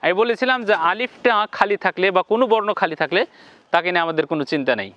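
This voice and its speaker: A man teaching Quran recitation in a step-by-step lesson, slowly repeating syllables for viewers to copy and giving the Arabic sounds a heavy nasal tone. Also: high-pitched, expressive, no room sound, muffled recording.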